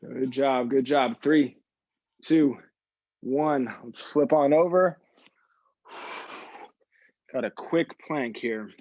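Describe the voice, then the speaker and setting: Male fitness instructor, mid-range pitch, exerting himself as he cues and encourages a class; muffled, dry recording. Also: slow pace, long pauses, darkish tone, no echo. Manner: encouraging, repeats short praise to the group. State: exertion, audible sighing breaths. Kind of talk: live workout class coaching, counting down and cueing moves.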